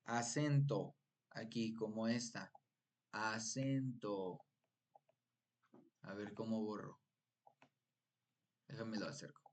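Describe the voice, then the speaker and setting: A man's voice: fairly low pitch, measured pace, long pauses, a little mellow. A man teaching a live-streamed exam prep lesson, explaining patiently and prompting viewers with repeated questions. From Mexico.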